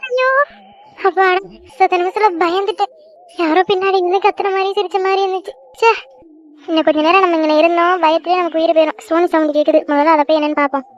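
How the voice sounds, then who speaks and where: A woman voicing a frightened girl alone in a dark house, calling for her friends and talking to herself. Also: very high voice, steady tone, fast, muffled recording. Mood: anxious. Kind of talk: cartoon voice acting.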